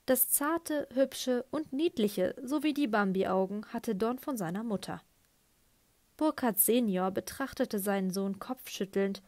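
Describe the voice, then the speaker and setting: A woman narrating an audiobook in the first person with a lively, expressive reading. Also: mid-range voice, dry recording. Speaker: audiobook reader.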